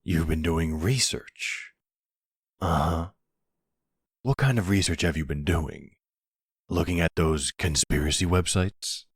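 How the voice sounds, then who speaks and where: In full character voice, a man portrays an anxious boyfriend in an intimate roleplay drama, his very deep, husky tone slow and earnest as he keeps pleading with his partner in exasperated concern. He comes across as concerned and disbelieving in a dry, studio-quality recording.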